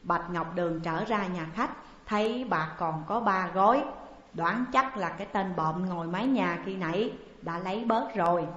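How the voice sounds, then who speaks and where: A woman narrating a classic novel as an audiobook in a steady storytelling voice. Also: on the low side, moderate pace. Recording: dull echoey recording, long reverb.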